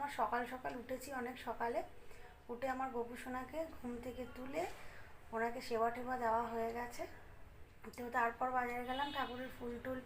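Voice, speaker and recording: Chatty high-voiced woman vlogger. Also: a little hiss or hum, rough recording. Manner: rambling and chatty, with many fillers. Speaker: home vlogger. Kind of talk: casual chat to viewers. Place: at home indoors.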